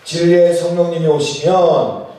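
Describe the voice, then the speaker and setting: A man's voice: fairly high pitch, moderate pace, dark tone. A male pastor giving a sermon at a church retreat, asking the congregation questions and leading them in reading scripture aloud. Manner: questions the congregation and leads group Bible reading. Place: large room with strong echo. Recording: echoey hall, voice from far off.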